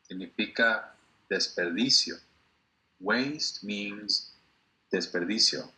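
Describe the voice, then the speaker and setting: Slow, patient male English teacher. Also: lowish voice, pushed and bright, poor audio. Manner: slow, patient, repeats words for drilling. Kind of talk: classroom language lesson.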